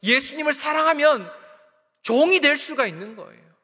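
A man's voice: very high-pitched, animated, normal speed, sharp tone. A male pastor preaching a sermon in an earnest manner, posing rhetorical questions and repeatedly appealing to his congregation. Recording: long reverb of a large hall.

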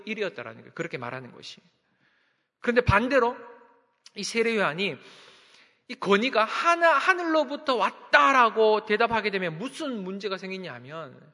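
A man's voice: sits high, pushed and bright, long reverb tail. A man preaching a sermon as a pastor, emphatic, with sudden drops in volume.

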